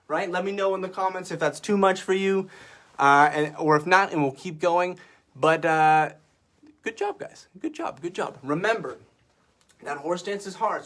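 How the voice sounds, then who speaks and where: A young man teaching a martial arts class to camera from an office, upbeat and coaching, a little out of breath. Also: fairly high pitch. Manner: upbeat, coaching, counts out loud and shouts "ha" on punches. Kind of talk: guided workout class to camera. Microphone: camera facing him.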